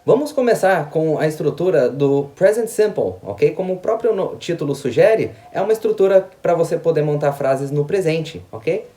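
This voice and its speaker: A Brazilian Portuguese-accented English teacher walks through a grammar lesson, and the voice swoops up and down as the teacher explains. Example sentences come slowly and get said twice, and most points end on a quick "ok?" or "né?". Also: mid-range voice, animated, warm tone, slight background noise. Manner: tags lines with "ok?" and "né?"; says example sentences slowly and repeats them.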